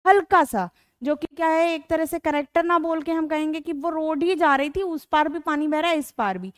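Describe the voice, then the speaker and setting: Indian lady teacher, high voice, dry close sound, keeps asking "hai na" to the class. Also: dry recording. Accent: Indian English. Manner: Hindi-English code-mixing, addresses students as beta; rhetorical questions with "है ना?" tags. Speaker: English vocabulary teacher. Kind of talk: online exam-prep class.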